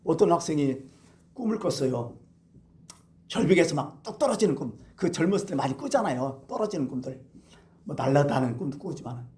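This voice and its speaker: Animated man preaching a sermon. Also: a little high, fairly quick. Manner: animated storytelling with rhetorical questions. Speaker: pastor.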